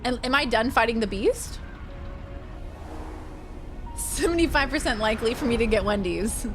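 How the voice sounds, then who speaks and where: A woman chatting casually and playfully as she comments on the game she is streaming, expressive and a bit silly. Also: fairly high pitch, normal speed. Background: game music.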